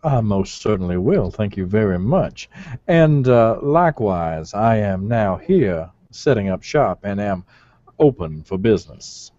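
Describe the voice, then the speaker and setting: A courteous, composed reverend, played by a man with a somewhat low voice and old-fashioned, formal politeness. The recording is dry and a little muffled. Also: sing-song, measured pace, mellow, no room sound. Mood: polite.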